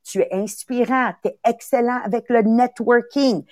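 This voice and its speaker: A woman leads a live motivational session. Her voice sits a bit high. She talks in an upbeat way, repeats words for emphasis and drops English phrases in. The sound is dry and close. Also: a little slow, a little mellow, no room sound. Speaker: podcast host and coach.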